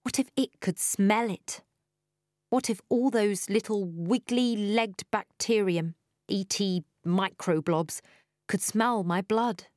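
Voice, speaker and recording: Woman, audiobook narration, unhurried, dry close sound. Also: mid-range voice, a little mellow, no room sound. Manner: wry, breathless in tense moments. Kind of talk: first-person audiobook narration.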